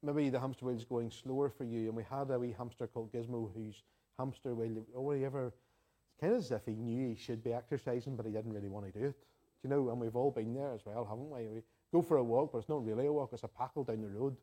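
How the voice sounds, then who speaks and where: A man's voice: medium pitch, fairly even intonation, fast talker, dark tone. A man with an Ulster accent from Northern Ireland preaching a sermon in an earnest, conversational manner, repeating phrases for emphasis. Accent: Northern Irish, Ulster. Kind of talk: sermon to a congregation, with homely anecdotes and prayer.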